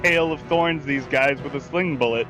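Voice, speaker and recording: A man's voice: a little high, moderate pace, music in the background, low-quality recording. A man chatting casually as a player in a tabletop role-playing game, grumbling and swearing mildly. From California.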